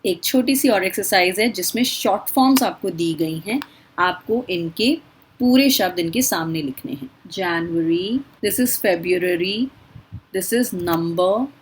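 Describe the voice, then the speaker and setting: A woman's voice: on the low side, slow, a little hiss or hum, low-quality recording. A woman teaching English in Hindi, patiently drilling word lists one by one. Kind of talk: spoken English lesson in Hindi.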